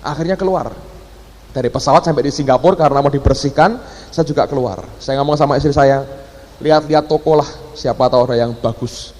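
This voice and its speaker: Man, pastor, animated storytelling sermon, acts out voices, reverberant church hall. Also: mid-range voice, fast. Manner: animated, acts out quoted voices, addresses congregation as "saudara".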